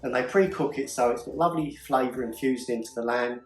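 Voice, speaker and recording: A man's voice: mid-range voice, fairly quick. A man hosting his own cooking show, chatty and enthusiastic as he talks through a curry recipe. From United Kingdom. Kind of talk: casual cooking demonstration. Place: home kitchen. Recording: echoey kitchen with faint music.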